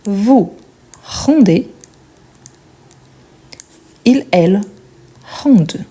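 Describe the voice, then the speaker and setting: Mellow-voiced woman teaching French. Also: medium pitch, animated. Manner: repeats each verb form slowly and clearly; checks in with "ok?" and "bien". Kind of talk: explaining conjugation.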